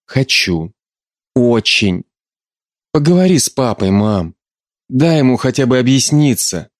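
A man's voice: mid-range voice, animated, measured pace, no room sound, clean studio sound, close to an everyday voice. A man voicing a frustrated young adult daughter who pleads with her mother in an audiobook. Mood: insistent.

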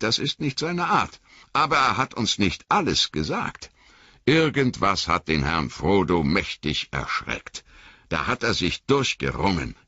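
A man's voice: fairly low pitch, bright, forceful tone, slightly rough, dry recording, pitched above the performer's own voice, exaggerated voice. A man voicing a stubborn, loyal male hobbit servant who talks in an earnest, folksy, agitated way. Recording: dry, slightly dull audio.

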